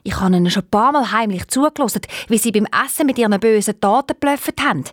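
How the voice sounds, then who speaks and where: A woman with a Swiss German accent voicing a sorrowful young princess who was turned into an owl, speaking in a hoarse voice. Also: a little high, fast talker, no room sound, studio quality, lightly acted. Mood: plaintive.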